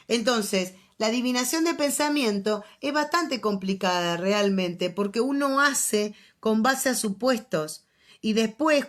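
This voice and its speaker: An Argentine-accented woman lectures her psychology students over a video call. She keeps it conversational and joking, with frequent little check-ins with the class. The sound is that of a plain computer microphone. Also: on the high side. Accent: Argentine Spanish. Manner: chatty, joking, often checks in with "¿sí?". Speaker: psychology teacher.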